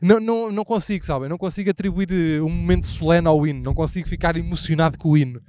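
A man's voice: fairly high pitch, racing, darkish tone, smooth. A young man with a European Portuguese accent hosting a podcast, rambling casually and irreverently while walking down a street with a handheld mic, swearing freely and trailing off into asides. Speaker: podcast host. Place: outdoors on a city street.

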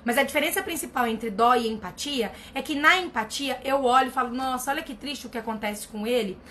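Woman therapist, blunt and emphatic, bright voice with faint room noise. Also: high voice, brisk. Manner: blunt, emphatic, repeats herself for stress. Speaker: family constellation therapist answering viewer questions. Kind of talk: casual live advice reading comments.

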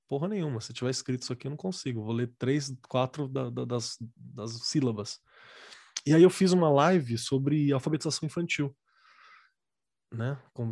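A man's voice: mid-range voice, a little mellow, no room sound, studio quality. A man with a Brazilian Portuguese accent hosting a casual book discussion, colloquial and jokey.

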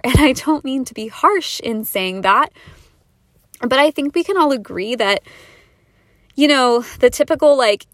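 Breathless, chatty young woman, slightly high. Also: fairly bright tone, no room sound, clean studio sound. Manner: earnest, chatty, fillers like "like" and "you know". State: a bit out of breath from talking fast. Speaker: podcast host. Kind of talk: casual solo podcast monologue.

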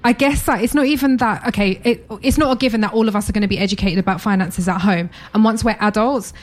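A woman's voice: mid-range voice, fast talker. A woman, explaining things earnestly in a casual podcast discussion as a host.

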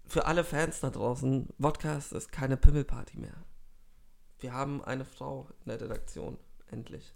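Man with a raspy, gravelly voice, deadpan podcast co-host, absurd quips. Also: medium pitch, normal speed. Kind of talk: casual comedic chat.

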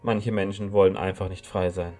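Snippy rebel woman around thirty, cool and commanding, read by a man, raised pitch. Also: little pitch movement, normal speed, dark tone, faint music behind, lightly acted. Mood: firm, cool. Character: stern red-haired woman around thirty, armed rebel.

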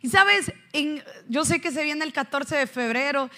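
Woman pastor, thirties, lively storytelling sermon, high voice, engages congregation. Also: unhurried. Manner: animated storytelling with questions to the congregation. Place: church.

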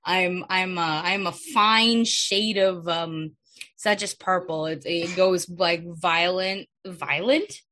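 A woman's voice: fairly low pitch, steady tone, slow, bright, forceful tone, poor audio. A woman playing a tabletop game, speaking in character in a flustered, rambling way. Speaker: player. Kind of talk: in-character role-play.

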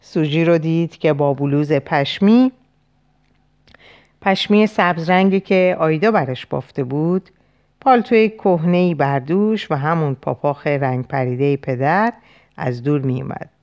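A woman reading a novel aloud as a dramatic audiobook, slow and grave, with weighty pauses. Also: low voice, expressive, darkish tone. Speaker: audiobook narrator.

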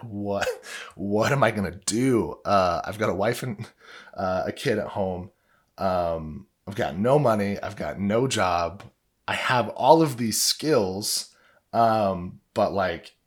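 A man's voice: low-pitched, slightly rough. A young man casually telling his own story as a podcast host, rambling with lots of "like" and "um". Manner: rambling, heavy on "like" and "um".

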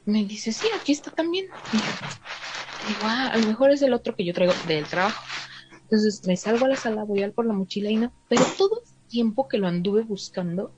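A woman with a Mexican Spanish accent telling a story in a relaxed, chatty way, acting out what each person said. The recording is slightly dull, with a faint hiss behind her. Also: mid-range voice, fairly quick. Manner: chatty, fills in with "o sea", acts out the dialogue. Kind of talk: casual storytelling to a listener.

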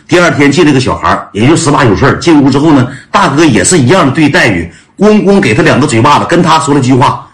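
A man's voice: mid-range voice, animated, fast talker, hardly any pauses. A man with a Northeastern Chinese accent, telling a comic story in a chatty way, laughing as he goes and calling out to his listeners.

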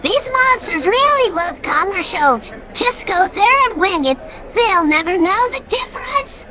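Man putting on a shrill, brash female hobgoblin. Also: very animated, a little slow, bright, forceful tone, a little hiss or hum, heavily acted, rough recording. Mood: impatient, urging. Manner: bellowing showmanship, sly and coercive. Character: pushy female hobgoblin game-show host, threatening, brash. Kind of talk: tabletop role-play character voice.

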